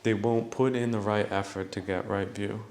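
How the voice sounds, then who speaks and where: A man's voice: lowish voice, flat delivery, moderate pace, a little mellow, echoey room, slight background noise. A man hosting a podcast, giving a mocking, preachy spiritual monologue that he breaks up with laughs. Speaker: podcast host.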